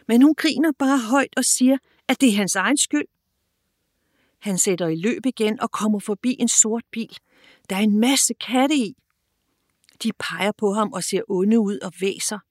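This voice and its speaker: A woman narrating a children's audiobook in a clear, expressive storytelling manner. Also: fairly high pitch, no room sound, studio quality.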